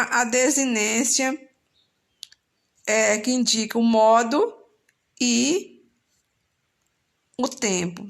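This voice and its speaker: A woman's voice: a little high, vocal fry, a bit bright. A woman teacher, explaining grammar in a recorded lesson, often restarting and correcting herself mid-sentence.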